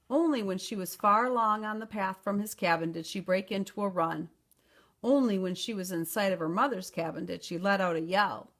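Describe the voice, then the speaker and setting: Reading a children's picture book out loud, this female storyteller uses an expressive narrating style with a mid-range voice.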